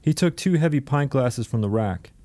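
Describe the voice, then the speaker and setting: A man reads his own novel aloud for a radio program, keeping a steady, even storytelling manner. His voice sits at an ordinary middle pitch. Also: moderate pace. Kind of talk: audiobook narration.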